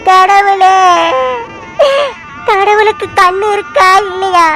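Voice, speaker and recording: A very high-pitched grieving sister, crying and wailing to the heavens. Her sobbing carries through every line of this cartoon drama. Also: little pitch movement, normal speed. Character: Sarasu, sister mourning her brother, wailing.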